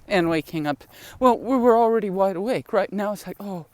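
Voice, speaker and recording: An older woman with a medium-pitched, animated voice talks at a moderate pace, with no room sound on the recording. As a vlogger she rambles through stories of her family and pets, chatty with laughing and sighing asides, while walking home outdoors in the wind with groceries.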